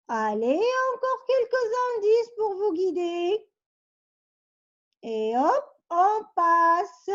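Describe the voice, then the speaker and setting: A woman's voice: extremely high pitch, muffled recording. A woman teacher reading word riddles to her pupils, patiently coaxing them with questions and hints. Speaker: primary school teacher.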